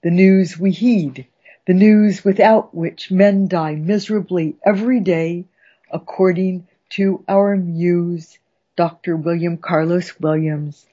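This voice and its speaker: Woman radio poetry host, unhurried and theatrical, with a mellow, breathy voice on a dull lo-fi recording. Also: fairly low pitch. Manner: dramatic, savoring recitation. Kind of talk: slow expressive radio poetry reading.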